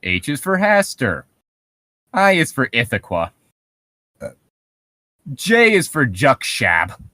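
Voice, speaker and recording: Taking his time, a man with a mid-range voice swings hugely in pitch, sounding pushed and bright on a recording with no room sound. He co-hosts a podcast, casually riffing on horror stories in a rambling, profane way.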